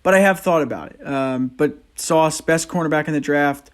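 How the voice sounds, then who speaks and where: A man's voice: a little high, moderate pace, smooth. A man co-hosting a casual sports podcast, easygoing as he explains his picks.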